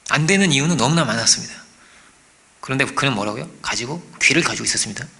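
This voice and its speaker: A man preaching a sermon as pastor, animated, asking the congregation for agreement and acting out quoted voices. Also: mid-range voice, quick pace, vocal fry. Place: church.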